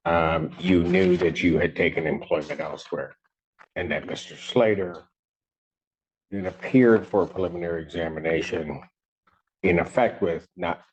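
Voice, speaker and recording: A man presiding as judge in a courtroom recording, speaking formally and haltingly with frequent pauses and filler sounds. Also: low-pitched, darkish tone. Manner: measured, halting, many ums. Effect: courtroom audio recording. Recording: muffled courtroom recording, faint hiss.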